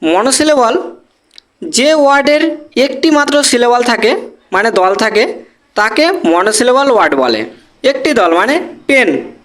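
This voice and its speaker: A teacher with a mid-range, fairly bright voice gives an English grammar lesson in Bengali. Patiently, they repeat example words syllable by syllable and often make sure the students are keeping up.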